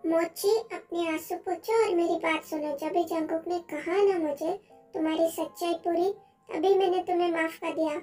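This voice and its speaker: Woman playing a lovesick young boyfriend, very high voice, soft and coaxing, fan dub, faint music behind. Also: fairly even intonation, moderate pace. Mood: soothing. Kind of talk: amateur Hindi fan dub.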